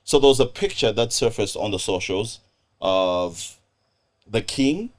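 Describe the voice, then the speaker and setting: A man's voice: lowish voice, animated, a little slow. A man from Zambia, hosting a podcast and steering the topics in a playful, teasing way. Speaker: podcast host. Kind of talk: casual chat.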